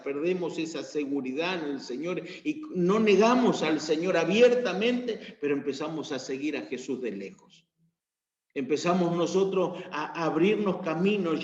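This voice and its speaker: Male Argentine pastor, sermon delivery, emphatic swells, echoey church room. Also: muffled recording. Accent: Argentine Spanish. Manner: preaching, rising to emphatic peaks then dropping low.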